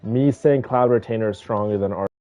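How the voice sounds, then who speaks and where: With game music behind him and a muffled, lo-fi mic, a man talks a little fast in a lowish voice. He chats casually with his stream viewers, meeting the game with emphatic, repetitive reactions.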